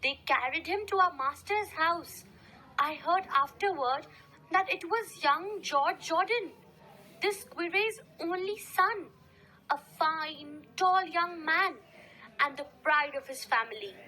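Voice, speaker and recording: A woman reading a classic story aloud for a class lesson, with careful, measured narration. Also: very high voice, bright, forceful tone, low-quality recording. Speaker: story reader.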